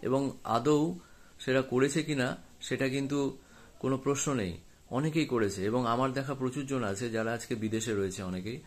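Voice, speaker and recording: A man, a film director, explaining his choices to the camera in an unscripted way, with many pauses and hesitant fillers. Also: mid-range voice.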